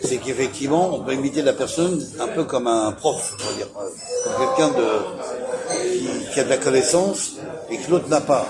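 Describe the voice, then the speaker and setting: A man's voice: mid-range voice, lively intonation, moderate pace, a loud crowd. A man in a casual French discussion, explaining step by step and agreeably echoing what others say. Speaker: debate participant. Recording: clear music behind the voice. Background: background music.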